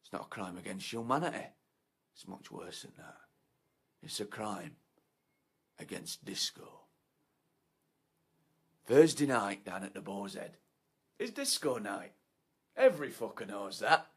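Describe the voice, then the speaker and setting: An actor playing a foul-mouthed, menacing man obsessed with his disco night, swinging from hushed whispers to shouts. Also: on the low side, big pitch swings, moderate pace, slightly rough. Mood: scornful. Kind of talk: short film monologue.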